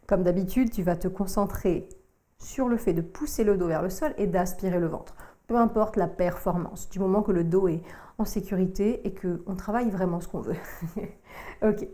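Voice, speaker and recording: A woman, working as a yoga teacher, calmly cueing breath and movement through a core workout. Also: medium pitch. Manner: calm, slow cueing of breath and movement, addressing the listener informally.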